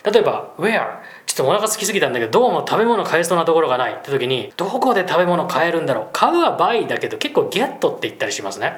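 A man who runs an English school, explaining travel phrases in a casual lesson and slowing down to model English examples. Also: a little high. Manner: lively, drops into slow English demo phrases. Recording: roomy echo.

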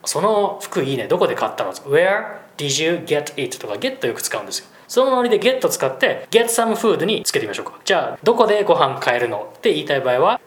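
A man who heads an English school gives a casual, animated lesson, talking quickly and then slowing for demo phrases. The sound is roomy and echoey. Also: on the high side. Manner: lively, drops into slow English demo phrases. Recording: roomy echo.

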